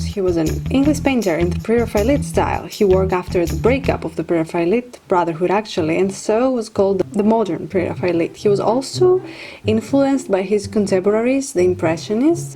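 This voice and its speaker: A young woman vlogging casually from her living room, chatting and laughing at herself. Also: medium pitch. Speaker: fashion vlogger. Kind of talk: casual chat with read-out facts. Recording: music playing underneath. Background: music.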